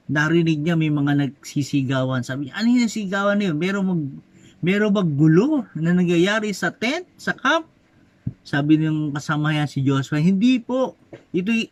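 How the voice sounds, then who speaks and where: A man preaching a sermon in a lively way, reading and acting out scripture quotes and mixing in English terms. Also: a little high, dry recording. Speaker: pastor.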